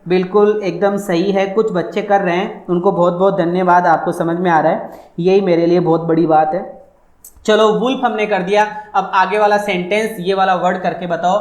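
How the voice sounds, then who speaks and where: A man's voice: sits high, steady tone, normal speed, echoey room. A man teaching a phonetics lesson, repeating each point and asking questions that he answers for his students. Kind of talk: online exam-prep phonetics lesson.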